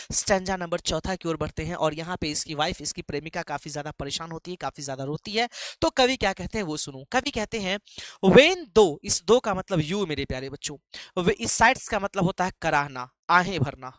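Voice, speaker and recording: A man's voice: on the high side, animated, a little fast, fairly bright tone, dry recording. A man teaching an English poem in a live online class, chatty and playful, calling students "beta".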